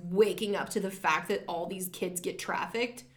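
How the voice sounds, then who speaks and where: A woman's voice: on the low side, fairly even intonation, moderate pace, fairly bright tone. A woman co-hosting a podcast in casual chat. She is chatty, fills her talk with "like", and swears freely. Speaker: podcast co-host.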